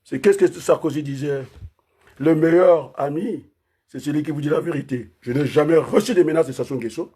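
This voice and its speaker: A man delivering an impassioned political rant, firing off rhetorical questions and repeatedly raising his voice almost to a shout. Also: on the high side, moderate pace, husky. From Republic of the Congo. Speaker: political commentator.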